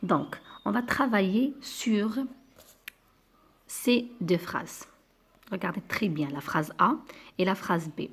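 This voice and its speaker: A woman's voice: medium pitch, animated, slow, long pauses, breathy edge. A woman teaching a grammar lesson to primary school children, patient and repeating key words.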